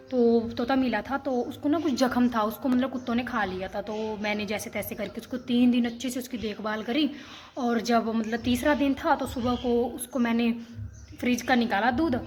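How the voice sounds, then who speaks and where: A woman's voice: a little high, slight background noise. A young woman from Himachal Pradesh telling a story to her vlog viewers in a rambling, chatty way, full of restarts. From Himachal Pradesh, India. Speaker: vlogger. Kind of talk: casual storytelling to camera.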